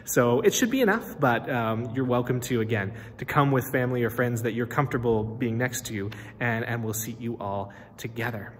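A man's voice: mid-range voice, moderate pace, hardly any pauses. Pastor guy in his 30s rambling friendly on a phone at arm's length, medium voice, echoey empty church. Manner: friendly, chatty, frequent fillers and restarts. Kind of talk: casual walkthrough video. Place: inside an empty church building. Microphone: phone held at arm's length. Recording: reverberant hall with faint ambience.

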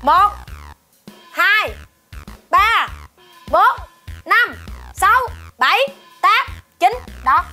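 Domineering shrill wife, very high bright voice, barking orders, stage comedy, faint music. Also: female voice, lively intonation, drawn-out words, long pauses, heavily acted. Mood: boastful. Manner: scolding, commanding. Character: bossy domineering wife who beats her husband.

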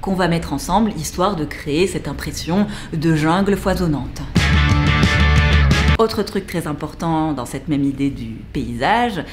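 A woman's voice: sits low, animated, measured pace, over loud music. A young woman with a French accent, vlogging casually from a plant-filled living room in a playful, jokey, slangy way, close to the camera. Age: young adult. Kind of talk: casual scripted vlog. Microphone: camera at close range.

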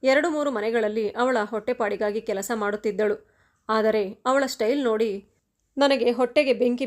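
A woman narrating a first-person moral story with expressive, emotional delivery and voiced dialogue. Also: a little high.

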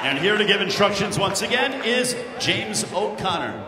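A man making formal boxing ring announcements, projecting in a deliberate, emphatic way. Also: high-pitched, lively intonation. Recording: echoing arena PA, crowd noise.

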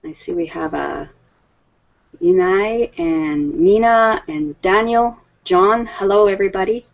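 A woman's voice: mid-range voice, takes it slowly, vocal fry, dull audio. A woman in her fifties teaching an online English class on a video call, patient and friendly with her students, laughing often. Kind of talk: slow, friendly class talk. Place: home room, indoors. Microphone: webcam on video call.

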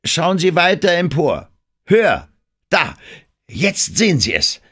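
A man's voice: on the high side, huge pitch swings, slow pace, slightly rough, voice pushed up, exaggerated voice. A man voicing a driven male film director who urgently coaches an actress through a scene in an audiobook. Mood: insistent. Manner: commanding, urgent, rising to shouts.

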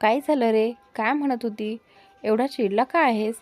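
A woman's voice: on the high side, moderate pace, a little mellow, faint music behind, lightly acted. A woman voicing an easygoing young man who teases his friend in a spoken storybook. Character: calm, generous young man, teasing friend.

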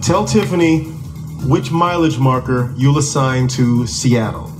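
A man's voice: medium pitch, measured pace. A man hosting a game show in a TV studio, talking a contestant through the game. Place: large TV studio. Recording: music and crowd behind. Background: music and studio audience.

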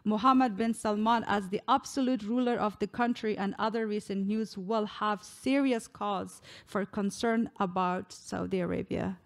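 A woman's voice: mid-range voice, fairly even intonation, normal speed, creaky, few pauses. A young woman from Afghanistan giving a read keynote speech into a stand microphone, earnest, with frequent small restarts. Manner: earnest, reading from notes with restarts. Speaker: keynote speaker. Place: indoor room. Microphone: stand mic close to mouth.

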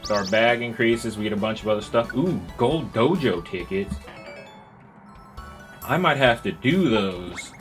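A man's voice: fairly low pitch, animated, a little slow. Young man, casual let's play chatter, crude jokes, game music behind. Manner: casual, crude, joking, puts on voices for characters. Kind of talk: reading game dialogue aloud with commentary.

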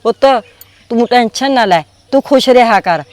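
An older woman with a Punjabi accent plays an aunt in a village family drama. She speaks gently and evasively, and her voice sounds dry with no room echo. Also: fairly high pitch, animated, moderate pace.

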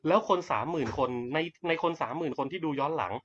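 Brash man pitching on a lo-fi livestream. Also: expressive, fast talker, fairly bright tone, a little hiss or hum. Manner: blunt, brash, swears casually. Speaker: network marketing recruiter. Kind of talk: live-streamed sales pitch. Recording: dull lo-fi livestream audio.

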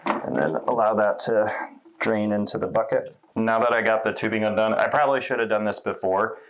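Man, 30s, lower voice, easygoing how-to demo in a small laundry room. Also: brisk. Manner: relaxed, conversational, with fillers. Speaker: installation demonstrator. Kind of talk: casual how-to walkthrough.

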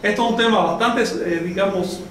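In this classroom lesson, a man's high, fairly bright voice moves at a moderate pace as he walks students through the language step by step and tests them with questions. The sound is distant and echoey, with faint background noise.

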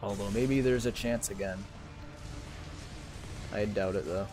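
A man playing a video game, excitable and quick to laugh while chatting. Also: fairly low pitch, over music. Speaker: gamer. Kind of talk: casual gaming chat.

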